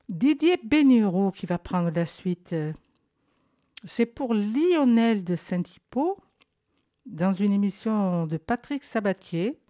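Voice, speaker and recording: A woman hosting a radio show announces the next track and its dedication, her voice rising and falling with lively intonation. She speaks at an unhurried, measured pace. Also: medium pitch. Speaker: radio host.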